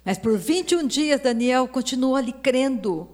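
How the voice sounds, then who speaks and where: A woman's voice: high voice, animated, normal speed, darkish tone. A woman preaching a fervent sermon, acting out the voices of people she quotes. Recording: long reverb of a hall.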